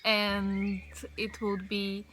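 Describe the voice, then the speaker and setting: Standing on a patio next to a wooden fence, a young woman from Brazil vlogs in English with a Brazilian Portuguese accent, casual and full of fillers. She speaks very slowly with a completely flat delivery, at medium pitch, and the sound is a bit bright.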